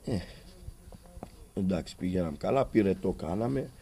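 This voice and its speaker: A man's voice: deep voice, lively intonation, creaky, dark tone. A man with a Cretan accent, a father recounting his story to a reporter in an agitated way and acting out the conversations he had. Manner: agitated, acts out dialogue with rising intensity. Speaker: father of a patient.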